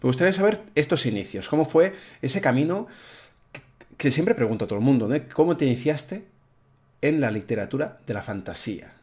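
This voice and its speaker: A man's voice: mid-range voice, expressive, brisk, a little mellow. A man hosting an interview, asking questions in a friendly, encouraging way with short affirmations. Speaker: interview host. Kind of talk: conversational interviewing.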